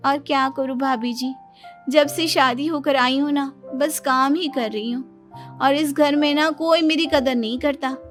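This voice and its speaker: A woman's voice: high-pitched, steady tone, measured pace, fairly bright tone, soft background music. A woman doing a whiny, self-pitying cartoon wife. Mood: complaining. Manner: whiny, dramatic complaining.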